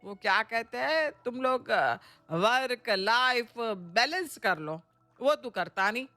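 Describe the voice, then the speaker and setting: A woman voicing a kind middle-aged mother-in-law, gentle and coaxing in an audio storybook. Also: on the high side. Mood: scolding.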